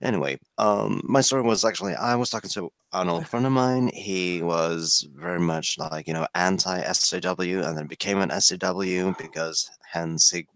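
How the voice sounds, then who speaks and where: A man's voice: deep voice, normal speed, few pauses, a bit bright, no echo. A man from Sweden with a Swedish accent and Swedish as his first language, a guest talking hesitantly over a video call. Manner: hesitant, apologetic, with many fillers. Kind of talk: casual chat.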